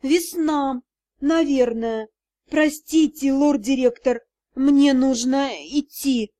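Woman doing a shrill flustered old secretary. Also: steady tone, slow, dark tone, no room sound, studio quality. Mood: dazed. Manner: shrill, accusing.

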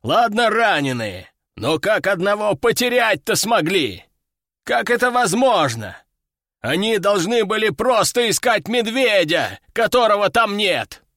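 A gruff mustached army general with a short fuse, growling and barking his orders, as a male narrator puts him on. The voice leaps up and down with lively swings of pitch, recorded close and dry, like a storybook reading. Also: a little slow, dry recording, full character voice. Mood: angry, barking.

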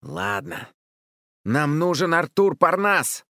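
Guy putting on a high loud little boy playing commander, all pumped up. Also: big pitch swings, unhurried, no echo, studio quality, exaggerated voice. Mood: eager. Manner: loud, eager, shouting. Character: excitable boastful young boy commander.

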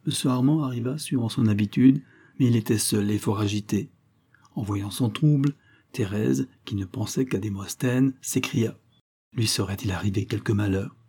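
Husky, mellow-voiced male narrator. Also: on the low side. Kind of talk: literary audiobook narration.

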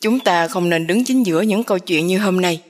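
A woman's voice: on the low side, a little fast, close to an everyday voice. A woman voicing a stern older father who lays down the law to his family. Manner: firm, commanding, lecturing.

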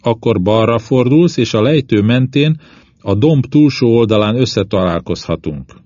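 A man reading an audiobook, voicing an injured male explorer who calmly reassures and gives careful directions. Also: medium pitch, no echo, pitched above the performer's own voice, lightly acted. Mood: instructing. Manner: reassuring, explains directions patiently. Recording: dull lo-fi dry audiobook recording.

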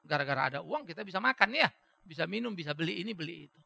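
A male pastor preaching a sermon, lively and theatrical, acting out quoted dialogue and rising into shouts. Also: a little high, very fast, gravelly.

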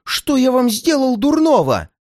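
A shrill, hot-tempered man in a storybook detective tale, his voice jumping high as he shouts his indignation, as a reader puts him on. The pitch swings widely and the sound is dry and close. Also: huge pitch swings, unhurried, no echo, full character voice. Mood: agitated. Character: hot-tempered frightened man, a hotel guest.

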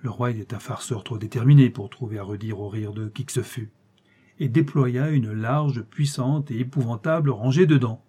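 A man reading a classic story aloud as an audiobook narrator, steady and expressive. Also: mid-range voice, moderate pace, husky.

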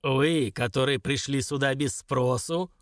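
A man reading an audiobook, voicing an unseen spirit that threatens in slow, measured words. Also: medium pitch, steady tone, dry recording, clean studio sound, lightly acted. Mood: menacing. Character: unseen deep-voiced spirit, menacing and slow. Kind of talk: audiobook character voice.

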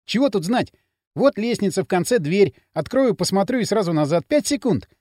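A man's voice: high voice, big pitch swings, moderate pace, a little mellow, dry recording, clean studio sound, pitched above the performer's own voice. A man playing a brave, hot-headed teenage boy, impatient and defiant.

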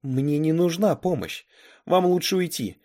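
A man voicing a defiant teenage girl with secret powers, indignant and sharp in a storybook reading. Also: fairly high pitch, lively intonation, unhurried, voice pushed up.

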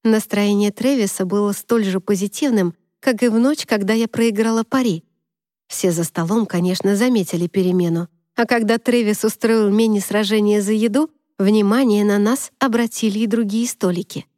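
Woman, first-person audiobook narration, even measured delivery, mid pitch, dry close sound. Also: dry recording.

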